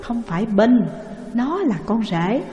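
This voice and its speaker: A woman's voice: on the high side, big pitch swings, a little slow, dark tone, highs cut off. A patient older mother talks in a coaxing, soothing way, as a woman reader plays her. The room around the voice is echoey with a long reverb. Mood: placating. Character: calm, placating older mother.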